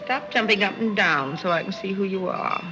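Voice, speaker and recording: An actress playing a muddled, hungover middle-aged society matron with vague, querulous screwball comedy banter in a 1930s film. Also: female voice, mid-range voice, moderate pace, close to an everyday voice. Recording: dull old film soundtrack, music behind.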